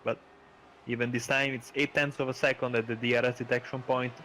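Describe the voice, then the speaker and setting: Halting male race co-commentator over car noise. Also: medium pitch, level tone, pushed and bright. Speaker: motorsport co-commentator. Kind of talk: live sim racing commentary. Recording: clear car noise behind. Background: race cars.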